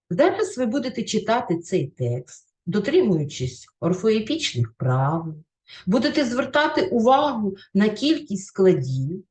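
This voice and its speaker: Expressive Ukrainian woman teacher. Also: lowish voice. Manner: clear, expressive read-aloud with careful stress on words. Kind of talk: reading aloud a story, then explaining a lesson.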